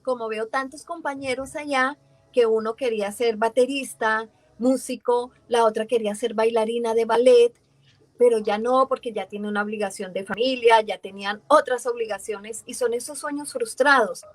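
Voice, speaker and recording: Animated Colombian woman telling her story. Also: fairly high pitch, normal speed, no echo. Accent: Colombian, Valle del Cauca. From Valle del Cauca, Colombia. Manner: animated storytelling, acts out quoted voices. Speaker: voice actress guest. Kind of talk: casual interview chat.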